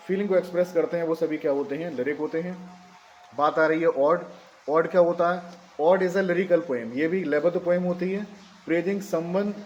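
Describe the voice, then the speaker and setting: An Indian man teaching an exam-prep grammar lesson with a fairly high voice. He reads English sentences out slowly for students to copy, then explains them in Hindi. He keeps asking questions and answering them himself. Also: darkish tone, highs cut off, a little hiss or hum. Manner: asks questions and answers them himself, says "theek hai" often.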